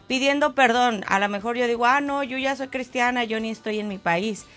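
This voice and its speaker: Female radio co-host, slightly high voice, encouraging and faith-filled, casual studio chat. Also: brisk, a bit bright.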